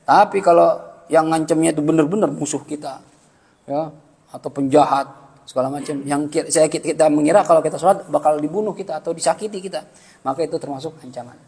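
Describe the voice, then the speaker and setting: A man teaching an Islamic study class, lively and joking, with slangy asides and acted-out bits of dialogue. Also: a little high, quick pace, creaky, in a large hall. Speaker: religious teacher.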